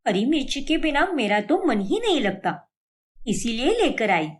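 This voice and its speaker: A cheerful young daughter-in-law in a cartoon story, voiced by a woman. She brushes off every complaint in a breezy, carefree way, with a high voice that swings widely. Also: sing-song, normal speed.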